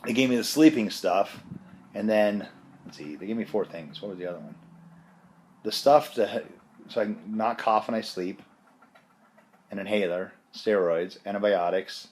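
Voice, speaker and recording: A man's voice: on the low side, moderate pace, pauses often, darkish tone, slight background noise. A man sick with bronchitis and a chesty cough gives a casual, rambling, self-deprecating personal update. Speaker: vlogger giving a health update.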